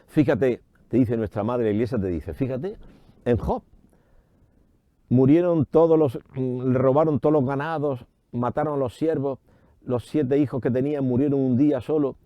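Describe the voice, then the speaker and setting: A priest giving an animated radio sermon, raising his voice for emphasis and voicing imagined doubters higher. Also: moderate pace, no room sound, phone-quality sound. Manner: animated preaching with rising emphasis. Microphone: studio microphone.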